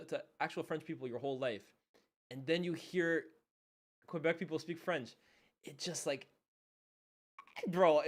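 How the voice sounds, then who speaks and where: A young man hosting a football watchalong stream, chatting loosely with his chat, saying "bro" a lot and laughing often between calls of the play. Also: fairly high pitch. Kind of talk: casual live-stream chat and match commentary.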